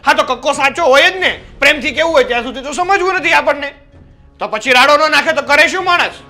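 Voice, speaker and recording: An actor playing an earnest young brother-in-law who tries to persuade his sister-in-law and gets loud. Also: high-pitched, expressive, normal speed, faint music behind. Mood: raised.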